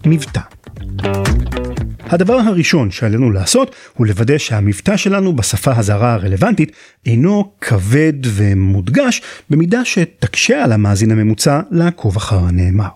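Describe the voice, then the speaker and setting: A man's voice: medium pitch, sing-song, darkish tone, husky, no room sound, clean studio sound, faint music behind. An Israeli-accented man from Israel narrates a scripted podcast as its host, in an explanatory, articulate way.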